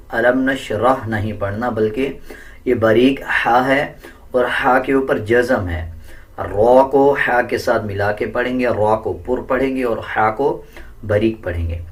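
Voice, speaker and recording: A man teaching Quran recitation step by step in a patient, deliberate way, correcting common mistakes. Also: mid-range voice, distant mic. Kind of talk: step-by-step pronunciation lesson.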